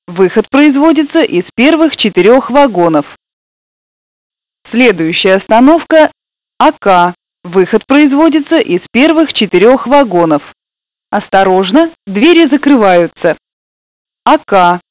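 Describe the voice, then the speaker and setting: A woman making formal, measured stop announcements over a commuter train's public-address system. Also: on the high side, a little mellow, no echo. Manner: measured, formal, evenly spaced phrasing. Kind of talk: recorded station announcements. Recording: dull lo-fi, dry.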